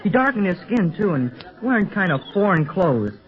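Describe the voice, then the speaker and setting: An actor playing an excitable teenage boy aviator in a 1930s radio serial, full of boyish exclamations. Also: high voice, normal speed. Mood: excited. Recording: dull old 1930s radio recording.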